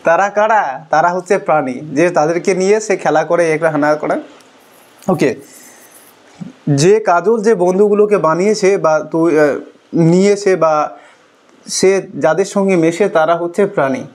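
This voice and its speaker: A man's voice: sits high, moderate pace, pauses often, a little mellow. A male teacher patiently explains an English lesson to young pupils, asking questions and answering them himself and often saying "okay" between points.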